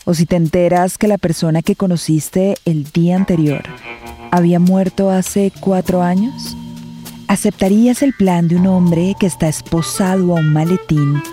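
A woman's voice: on the low side, steady tone, normal speed, dark tone, soft background music. A woman reading a scripted podcast promo as announcer.

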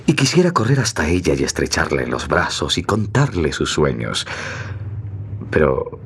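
Solemn melodrama narrator, very low voice, lively intonation, emotive scripted delivery. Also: male voice, moderate pace, slightly rough, exaggerated voice. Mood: solemn, tender. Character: solemn, emotive male storyteller of a romantic melodrama.

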